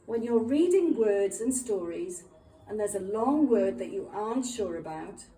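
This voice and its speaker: A woman teaching young children a lesson with patient, clearly spelled-out explanations. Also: mid-range voice, expressive, unhurried, warm tone, roomy sound, distant mic, low-quality recording. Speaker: primary school teacher.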